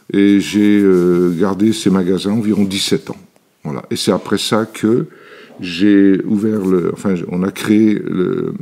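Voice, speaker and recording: Older man, low mellow voice. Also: gravelly. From Italy. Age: 70s. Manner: hesitant, many fillers and restarts. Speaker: interview guest, elixir maker. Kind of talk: relaxed personal storytelling. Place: his workshop laboratory.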